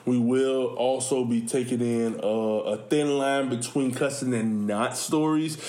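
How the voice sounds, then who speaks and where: This podcast co-host, who also coaches at a school, has a medium-pitched, warm, steady voice and talks a little slowly. His casual chat is full of animated stories, laughter, and repeated words, recorded in a room with noticeable echo.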